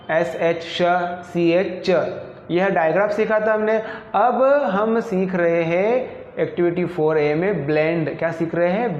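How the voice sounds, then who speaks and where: Man, teacher, high voice, asks and answers his own questions, echoey room, dull lo-fi sound. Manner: repeats questions and answers them himself. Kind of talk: classroom lesson. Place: classroom with a board.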